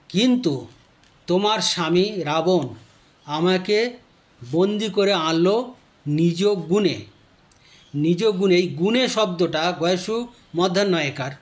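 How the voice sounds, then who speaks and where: A man teaching a grammar lesson, explaining word meanings carefully and reciting short lines of verse. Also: high-pitched. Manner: slow, deliberate explaining that stretches out key words.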